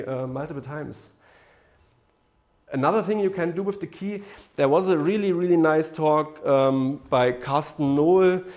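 A man in his thirties, seated at a laptop before a projector screen in a lecture room, presents a technical idea to a meetup audience. His mid-range voice is a little mellow, and he sounds hesitant, often pausing on "um" and "uh" and restarting his phrases.

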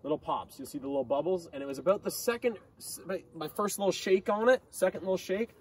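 This is a relaxed fishing talk from a young man in a small lake boat who explains his technique step by step. His husky voice is high-pitched and a little mellow, and he talks fast. He's picked up from slightly off-mic, with faint sounds of the outdoors.

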